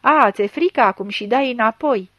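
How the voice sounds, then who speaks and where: A woman's voice: fairly high pitch, no echo, dull audio, natural voice. A woman reading a story aloud, voicing a stern male gendarme chief who barks accusing questions. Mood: harsh. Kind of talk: audiobook reading.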